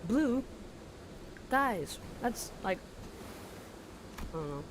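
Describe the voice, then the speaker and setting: A woman's voice: mid-range voice, very animated, extremely slow, noisy background. A woman streaming a game in casual, chatty commentary, giggling and gushing with lots of fillers. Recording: loud game music behind the voice.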